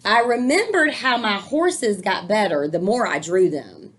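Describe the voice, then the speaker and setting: In an unhurried, slightly rough mid-range voice, a woman brings a picture book to life for children. She stays animated and pauses to explain things and cheer the kids on.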